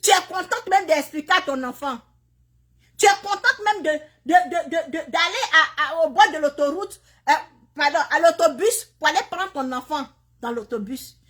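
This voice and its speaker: A woman's voice: sits high, animated, moderate pace, fairly bright tone. A woman, speaking into a phone video and lecturing other mothers with repeated, pointed questions. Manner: preachy, repetitive, scolding questions to other mothers. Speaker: woman sharing her migration story. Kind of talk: impassioned direct-to-camera appeal. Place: Canada.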